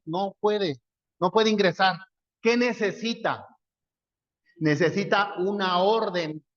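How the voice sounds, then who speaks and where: Mexican male pastor, higher voice, dull lo-fi recording; conversational sermon delivery, rhetorical questions. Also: no room sound. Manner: conversational storytelling, asks and answers his own questions.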